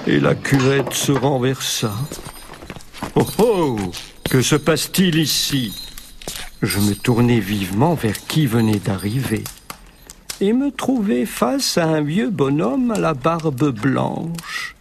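Male storyteller, wry, slow delivery, lively pitch, music underneath. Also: gravelly, background noise. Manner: wry, self-mocking first-person telling. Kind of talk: scripted story narration.

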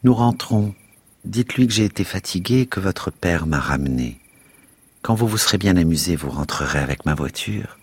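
A man voicing a composed, stern grown woman who speaks slowly and gently in a read-aloud story. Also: deep voice, lively intonation, slightly rough, no echo. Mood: calm, firm. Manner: slow, measured, gentle.

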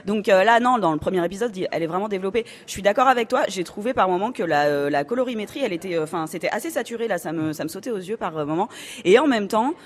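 A woman's voice: mid-range voice, lively intonation, rapid-fire. A woman TV critic on a radio panel, talking with many hesitations and fillers. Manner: hesitant, lots of "euh", friendly. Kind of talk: conversational critical debate. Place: radio studio.

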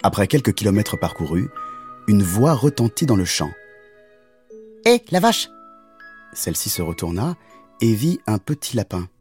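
A man narrating a children's story in a gentle, expressive storytelling manner. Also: lowish voice, normal speed, soft background music.

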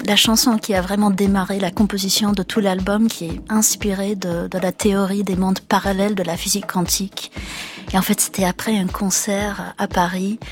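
A woman singer and composer telling anecdotes as a guest in a radio studio, measured, with hesitant pauses. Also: medium pitch. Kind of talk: anecdotal storytelling in a radio interview.

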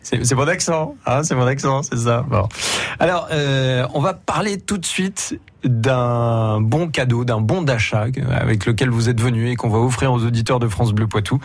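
A man's voice: mid-range voice, moderate pace, no room sound. A man hosting a local radio show, chatting with a guest in a playful, joking way. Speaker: radio host. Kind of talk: casual radio interview. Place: radio studio.

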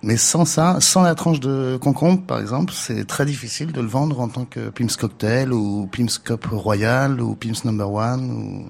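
A man's voice: medium pitch, measured pace, gravelly, few pauses, darkish tone, husky. A male bartender explaining a cocktail's ingredients on live radio. He talks in a plain, practical, matter-of-fact way.

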